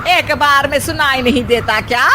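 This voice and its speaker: In a cartoon story, a woman voices a bossy, fussy middle-aged mother-in-law scolding her daughter-in-law and finishing with a nagging "हैं?". Her high voice sounds natural, moving at a moderate pace over a noisy background.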